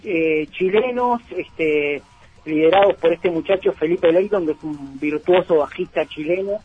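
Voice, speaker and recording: A man's voice: on the high side, measured pace, slightly rough. A man, a guest on a radio show, talking through bands with many fillers and restarts. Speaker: music label guest. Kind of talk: radio interview talk. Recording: dull lo-fi radio sound.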